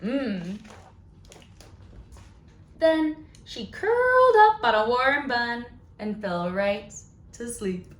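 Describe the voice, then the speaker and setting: A children's librarian hosts storytime for young children, reading aloud and talking in an exaggerated, sing-song way. Her voice is on the high side, with drawn-out words and long pauses, in an echoey room.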